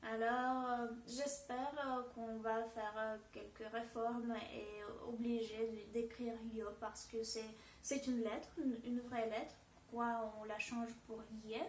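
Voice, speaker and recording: A woman's voice: a little high, little pitch movement, slow, few pauses, roomy sound, recorded from a distance, a little hiss or hum. A woman with a Russian accent giving a pronunciation lesson, speaking hesitantly and repeating example words. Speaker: Russian language teacher. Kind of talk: language lesson.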